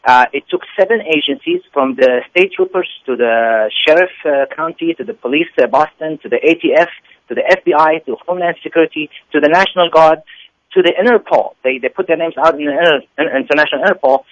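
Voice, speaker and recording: A man's voice: fairly high pitch, fast, dry recording. Insistent man on a muffled phone line. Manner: insistent, many fillers and restarts. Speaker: activist guest on a call-in. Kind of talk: phone interview, argumentative commentary.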